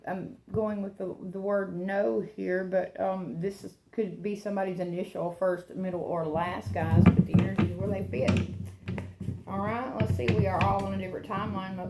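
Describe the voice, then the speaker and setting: A woman with a gravelly, creaky voice talks through a casual tarot reading, rambling and chatty. She laughs at herself as she goes. Her voice bounces around an echoey room over loud background noise. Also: mid-range voice. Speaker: tarot reader and channel host.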